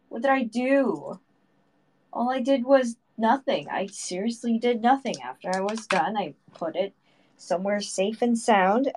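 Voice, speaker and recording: Woman muttering to herself over a dead mic, slow and annoyed, voice jumping all over. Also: a little high, a little mellow. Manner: frustrated, exasperated, talking to herself. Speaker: content creator testing a microphone. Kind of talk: casual talking to herself. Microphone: studio microphone with phantom power.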